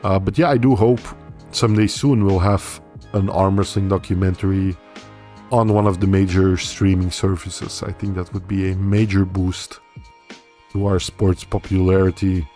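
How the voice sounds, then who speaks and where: A low-voiced young livestream host, a native Dutch speaker, talks at normal speed with soft music in the background. He's relaxed and rambling, reading viewer comments aloud and responding as he goes.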